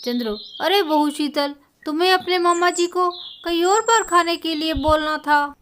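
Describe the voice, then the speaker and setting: A bossy older village mother-in-law scolds her daughter-in-law, as a woman acts her out. The storybook voice is very high, with a sharp, bright edge and a tense push. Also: moderate pace, a little hiss or hum. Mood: stern. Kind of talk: storybook voice acting.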